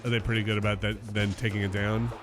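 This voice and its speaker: A man's voice: fairly low pitch, flat delivery, quick pace, faint music behind. A man chatting casually during a video game, inquisitive and full of short questions. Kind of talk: casual chat over video game play.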